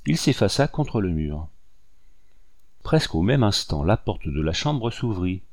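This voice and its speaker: Low-voiced man reading an audiobook. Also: very animated, a little slow, a little mellow, dry recording, studio quality. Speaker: audiobook reader. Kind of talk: audiobook narration.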